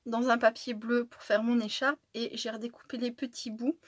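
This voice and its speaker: A woman chatting casually through a scrapbooking tutorial, excitable and tired, with many fillers and restarts. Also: fairly high pitch, normal speed, dry recording, clean studio sound. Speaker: scrapbooking vlogger. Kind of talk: casual crafting tutorial chat.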